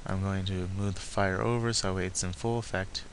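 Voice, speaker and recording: A man narrating a software tutorial step by step, haltingly talking through each action as he does it. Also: sits low, steady tone, slight background noise. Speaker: tutorial presenter.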